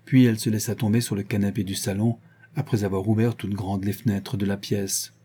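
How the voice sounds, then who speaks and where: Man reading an audiobook, low dark husky voice, measured storytelling. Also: little pitch movement. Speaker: narrator.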